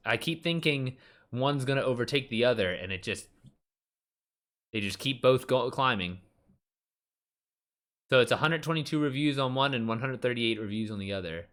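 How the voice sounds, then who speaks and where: A man's voice: medium pitch, a bit bright. Man in his thirties, author, casual live-stream chat, rambling, full of fillers, talks back to chat. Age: 30s. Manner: rambling, chatty, many fillers and restarts. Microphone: streaming mic.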